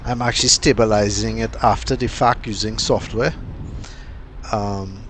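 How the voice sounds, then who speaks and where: A man from Trinidad, giving casual, unhurried vlog commentary with plenty of fillers and pauses. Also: lowish voice, steady tone, a little hiss or hum. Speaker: cycling vlogger.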